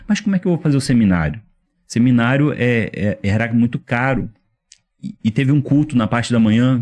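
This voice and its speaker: A young adult man from Rio de Janeiro with a Carioca accent, a youth pastor telling his story in a casual interview, full of slang and acted-out quotes. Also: lowish voice. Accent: Carioca Portuguese. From Rio de Janeiro, Brazil. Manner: animated storyteller, slangy, acts out quoted voices. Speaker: youth pastor, podcast guest.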